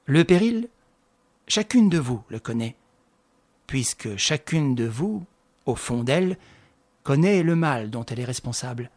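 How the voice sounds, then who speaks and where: A man reading the part of a composed gentleman investigator who speaks with a firm, authoritative voice in an audiobook. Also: mid-range voice, animated, measured pace, long pauses. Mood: commanding.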